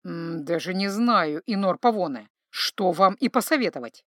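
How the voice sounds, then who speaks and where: A woman's voice: mid-range voice, animated, normal speed, dry recording, clean studio sound, lightly acted. A woman voicing a worried, devoted older butler who speaks hesitantly and pleadingly.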